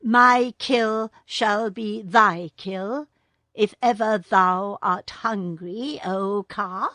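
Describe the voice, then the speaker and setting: A woman's voice: medium pitch, drawn-out words, bright, forceful tone, no echo, clean studio sound. A woman voicing Mowgli, an earnest young boy raised by wolves, speaking in an eager, raised voice.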